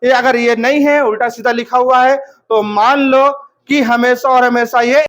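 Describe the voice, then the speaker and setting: Brief: man, has a cold, high voice, exam-prep teacher spelling words out and quizzing himself. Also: steady tone, a little slow, a bit bright. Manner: drilling by asking and answering his own questions, spelling letter by letter.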